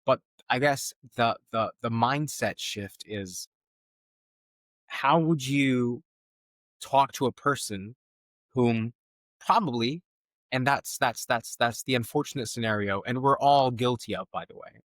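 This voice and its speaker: A man's voice: mid-range voice, a little slow, a bit bright, no echo, studio quality. A man hosting a podcast conversation, thoughtful and searching as he frames his questions. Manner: thoughtful, searching, many fillers and restarts. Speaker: podcast host.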